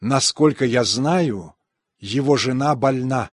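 A man with a medium-pitched, husky voice reads translated example sentences slowly for a language course. His enunciation is even and careful throughout this scripted phrase reading, and the studio-quality recording has no echo.

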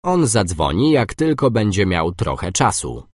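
Man, very deep voice, lively intonation, dry close studio sound, clear course phrases. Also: no echo. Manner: slow, clear, reads masculine and feminine forms. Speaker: language course speaker. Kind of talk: scripted phrase reading.

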